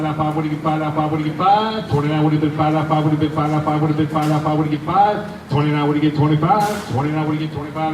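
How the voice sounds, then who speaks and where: A man working as an auctioneer, calling bids in a repetitive sing-song chant. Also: a little high. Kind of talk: live auctioneer chant, rattled-off repeated bids. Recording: roomy, distant, noisy live auction recording.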